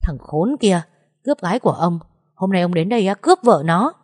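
A woman voicing an arrogant, bullying young master who shouts threats and stammers when beaten. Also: lowish voice, expressive, fairly quick, breathy edge, dry recording, studio quality. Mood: enraged.

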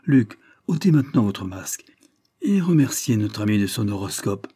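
A man voicing a gruff, emotional old corsair father. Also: fairly low pitch, sing-song, moderate pace, warm tone. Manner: gruff, exclamatory.

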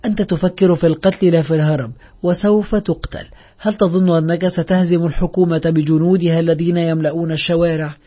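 Brooding bitter outlaw guy, terse, read by a man with a husky voice, muffled lo-fi audio. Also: a little high, steady tone, fast, dark tone, lightly acted. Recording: dull lo-fi audio.

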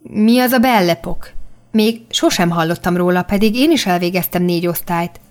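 A woman voicing a curious, excitable young boy from long ago in an audiobook, asking eager, pressing questions. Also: on the low side, close to an everyday voice.

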